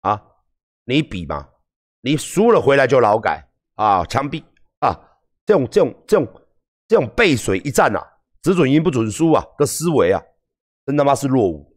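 A Taiwanese man with a Taiwanese Mandarin accent ranting on a livestream, profane and heated, swinging between calm lecturing and yelling. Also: medium pitch, moderate pace, pauses often. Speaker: livestream host. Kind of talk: livestream rant.

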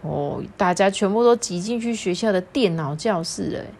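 A woman reading a children's picture book aloud in an animated, playful way. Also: medium pitch, moderate pace, gravelly. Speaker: storyteller.

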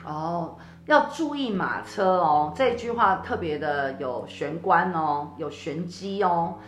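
A woman co-hosting a casual chat, animated and laughing often as she coaxes listeners. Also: fairly low pitch, takes it slowly. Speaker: co-host. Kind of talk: casual chat about zodiac fortunes. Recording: echoey room with faint music.

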